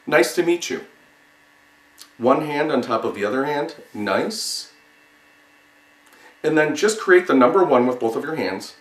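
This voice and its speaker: A sign language teacher with a voice on the high side and lively intonation gives an instructional lesson, demonstrating word by word. His delivery is halting and explanatory, repeating single words with pauses. The room is echoey, giving the recording a roomy sound.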